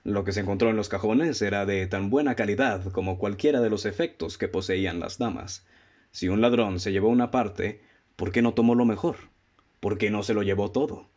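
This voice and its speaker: An actor plays a calm, methodical male detective in a radio drama, lecturing in a measured way as he sets out his deductions and asks pointed questions. His lowish, natural voice comes through dull audio, and the mood is probing.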